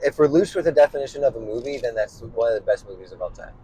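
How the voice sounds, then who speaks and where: A young man with vocal fry co-hosts a loose, jokey podcast from a car. His pitch jumps around a lot as he riffs in slang. Faint road noise hums behind him. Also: lively intonation, very fast, warm tone, poor audio. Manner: goofy, slangy, lots of laughing. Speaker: podcast co-host. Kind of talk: casual chat.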